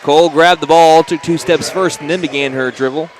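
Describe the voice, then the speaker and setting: A man with an Oklahoma accent calling high school basketball play-by-play on the radio, quick and chatty with jokey asides. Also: steady tone, a little hiss or hum. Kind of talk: play-by-play commentary.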